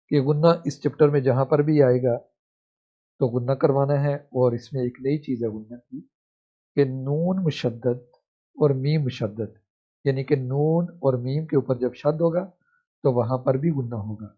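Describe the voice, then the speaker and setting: A man teaching a Quran reading lesson, spelling out syllables one by one and then blending them. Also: mid-range voice. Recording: muffled, lo-fi recording.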